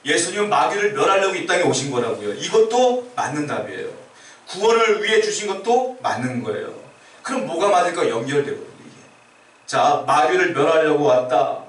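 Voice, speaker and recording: Korean pastor preaching in a roomy church. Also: male voice, high voice, sing-song, a little fast, a bit bright. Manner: explains step by step, asks the congregation questions. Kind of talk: sermon. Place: church sanctuary. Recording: roomy church sound from a distant mic.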